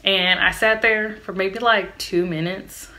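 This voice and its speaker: A woman's voice: medium pitch, steady tone, a little slow, pushed and bright. A young woman telling a personal story to her viewers in a candid, chatty way, talking straight to them. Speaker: vlogger. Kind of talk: storytime vlog.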